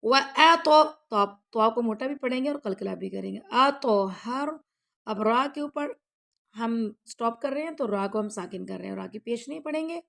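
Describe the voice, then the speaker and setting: Bright high-voiced woman teaching recitation. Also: lively intonation, creaky. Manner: chants verses slowly and loudly, then explains quickly and softly; checks in with the listener after each rule. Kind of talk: tajweed lesson, reciting verses slowly then explaining rules.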